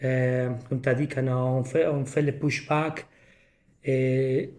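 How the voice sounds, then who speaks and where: A man hosting a casual podcast in French as a second language, with a foreign accent and halting, searching phrasing peppered with English words. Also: mid-range voice, little pitch movement, darkish tone. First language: not French. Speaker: podcast host.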